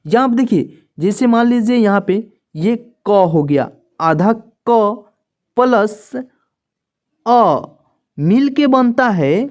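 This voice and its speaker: A woman's voice: a little high, a little mellow. A woman teaching a beginner reading lesson, patiently naming each letter and repeating it for her viewers.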